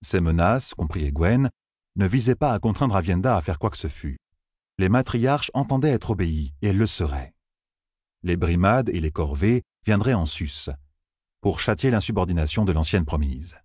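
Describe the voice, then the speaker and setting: Deep, husky male audiobook narrator. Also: expressive, moderate pace, darkish tone, no room sound, clean studio sound. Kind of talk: scripted fantasy narration.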